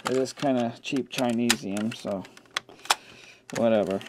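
Working at an indoor bench, a man who runs an electronics repair channel talks casually, mostly muttering to himself as his hands stay busy. His medium-pitched voice is unhurried. The camcorder mic close by picks up a constant hum of background noise and handling clicks.

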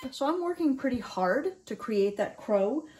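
A woman's voice: a little high, expressive, a little slow, heavy background noise. A woman in her forties teaching oboe reed making in a thoughtful, explanatory way with frequent ums, recorded in a small room at home. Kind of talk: instructional video.

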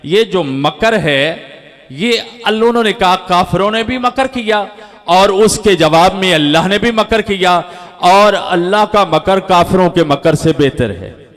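A man from Pakistan preaching a sermon to a gathering, with slow, emphatic, drawn-out phrasing and rising exclamations. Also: sits high, a bit bright. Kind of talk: impassioned sermon. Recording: long hall reverb.

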